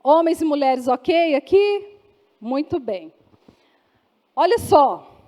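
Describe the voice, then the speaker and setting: High-voiced woman teaching in church. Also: big pitch swings, slow pace, mellow, big-room sound. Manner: chatty, questions the audience often. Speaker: church speaker. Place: church hall.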